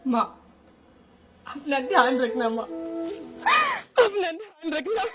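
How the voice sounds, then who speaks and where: A woman's voice: sits high, slow pace, low-quality recording. A woman playing a young married daughter thrown out by her in-laws, tearful and pleading, in a devotional family melodrama. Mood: hurt, resigned. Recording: loud background music score.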